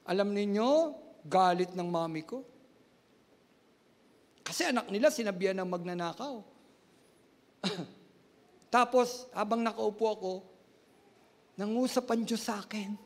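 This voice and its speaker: A male pastor with a strikingly high voice delivers a storytelling sermon. He is animated and laughs at his own tale as he acts out the people in it. His words ring out with the long reverb of a large hall. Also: a little slow, pauses often.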